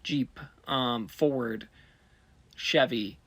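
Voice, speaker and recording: A man's voice: medium pitch, drawn-out words, fairly bright tone, dry recording. A man narrating a scripted list about car buying with emphatic, blunt delivery. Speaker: car finance video presenter.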